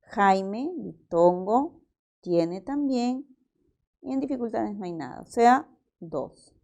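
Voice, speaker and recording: Slow methodical woman teacher. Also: a little high, animated, vocal fry, darkish tone, dull audio. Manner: slow, methodical, works through each example aloud. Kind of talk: exam-prep language lesson.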